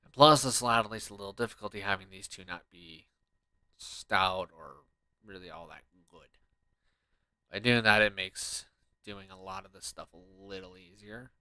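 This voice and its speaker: A man's voice: on the low side, moderate pace, pushed and bright, clear, resonant tone, no room sound. Male gamer, casual commentary, grumbling and profane, mutters to himself, dry recording. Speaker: gamer playing and commenting on a game.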